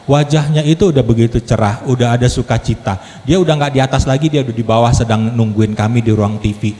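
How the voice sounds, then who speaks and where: Male lay preacher, mellow voice, animated testimony storytelling, reverberant church hall. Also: medium pitch, quick pace. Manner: lively storytelling with laughs and acted quotes. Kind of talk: testimony sermon. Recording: echoey hall with long reverb.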